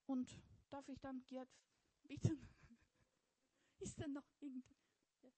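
High-voiced woman, hesitant church speaker. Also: level tone, slow pace, no room sound. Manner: hesitant, with soft laughs. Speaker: congregation member introducing a speaker. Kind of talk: church talk.

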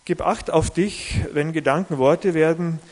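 A man's voice: on the high side, measured pace, darkish tone. A man preaching a sermon in a conversational, reflective way, with self-corrections, who reads a story aloud.

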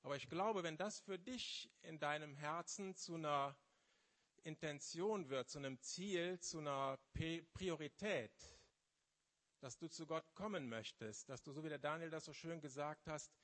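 A man in his fifties giving a testimony sermon in a church, often pausing and searching for words before building to fervent emphasis. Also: fairly high pitch, fairly bright tone. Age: 50s. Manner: halting, searching for words, then rising with fervor. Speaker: lay preacher.

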